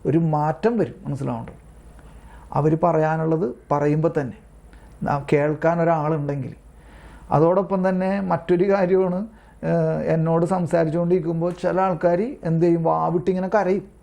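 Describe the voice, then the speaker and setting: A lay preacher guides an online prayer group by video call, reading religious passages and explaining them in a casual, repetitive way, frequently checking that listeners understand. His slightly high voice is steady, creaky and warm, at a normal pace.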